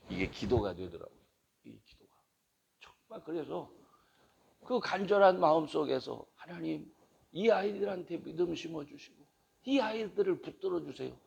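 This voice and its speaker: A middle-aged male pastor preaching a sermon and leading a closing prayer, with impassioned, pleading cries that rise to loud exhortation. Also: on the high side, creaky, husky.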